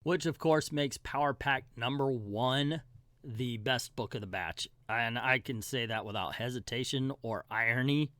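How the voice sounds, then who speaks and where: A man's voice: medium pitch, unhurried, bright, forceful tone, no room sound, studio quality. A middle-aged man hosting a comic book review channel, giving a casual ranked countdown in a folksy, colloquial way with emphatic asides.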